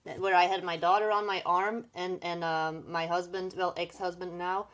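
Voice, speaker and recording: A woman guest in a casual chat, telling a personal story in an earnest way with halting restarts. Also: lowish voice, little pitch movement, fairly bright tone.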